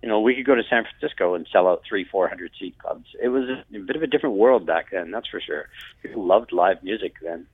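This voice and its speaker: A man talking in a casual interview over a bad phone connection that breaks up, relaxed and hesitant, with many fillers. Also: deep voice, quick pace, husky. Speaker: musician guest on the phone. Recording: tinny phone line.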